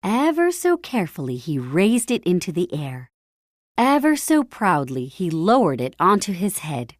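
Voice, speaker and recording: Narrating a children's story aloud, a woman with a fairly low voice speaks in a lively, melodic way at a measured, slightly slow pace. She stresses key phrases for dramatic effect, and the recording is dry, without room echo.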